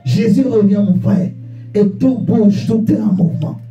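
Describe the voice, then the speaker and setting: A man preaching a fervent sermon to a congregation, repeating rhetorical questions and bursting into shouts. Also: sits high, measured pace, dull audio. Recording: echoey church room, distant mic, faint guitar.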